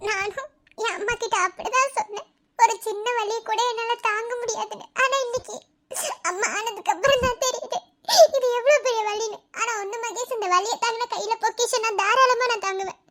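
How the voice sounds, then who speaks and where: A woman's voice: very high voice, steady tone, a little fast, a bit bright, slight background noise. A woman voicing a brave young pregnant wife who comforts her frightened husband, tender and teasing. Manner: tender, teasing, laughing through tears. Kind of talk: cartoon voice acting.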